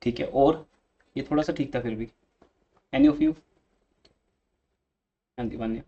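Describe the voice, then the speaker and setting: A man's voice: mid-range voice, huge pitch swings, unhurried, warm tone, muffled recording. A male commerce teacher giving a classroom economics lecture, coaching and scolding students on how to read theory aloud.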